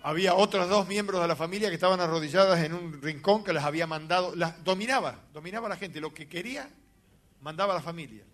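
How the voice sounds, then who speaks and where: A man, a pastor telling a dramatic story in a sermon with sudden loud outbursts. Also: high-pitched, fast.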